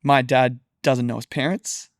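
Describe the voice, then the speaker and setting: A man's voice: medium pitch, fairly even intonation, measured pace, no echo, studio quality. A man who leads worship tells a heartfelt story in an earnest podcast chat, often stumbling and restarting his sentences. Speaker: worship leader.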